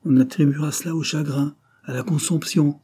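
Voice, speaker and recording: A man's voice: on the high side, fairly even intonation, moderate pace, mellow, breathy edge, voice pushed up. A man reading an audiobook, voicing a commanding, calculating countess in a raised voice. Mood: scheming. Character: scheming woman, a countess.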